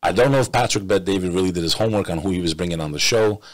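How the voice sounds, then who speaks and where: Man, low voice, dry close sound, emphatic commentary, repeats phrases. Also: rapid-fire, dry recording. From United States. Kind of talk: reaction commentary.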